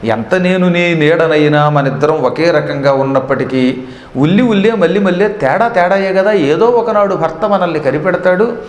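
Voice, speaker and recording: A man's voice: fairly high pitch, normal speed, echoey room, natural voice. A man voicing a blunt, scolding stepmother goddess in a storyteller's voice. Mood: worried. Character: shadow woman, doubtful then harsh stepmother.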